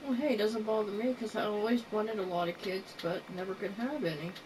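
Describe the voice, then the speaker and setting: A middle-aged woman chatting casually on a call, defensive and self-conscious, quick to laugh. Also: medium pitch, fairly even intonation, darkish tone, recorded from a distance, a little hiss or hum, rough recording. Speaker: friend on a call. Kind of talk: casual phone chat.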